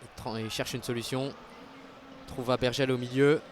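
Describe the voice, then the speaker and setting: A man giving live football commentary as a match commentator, getting excited at big moments. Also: mid-range voice, moderate pace, slight background noise.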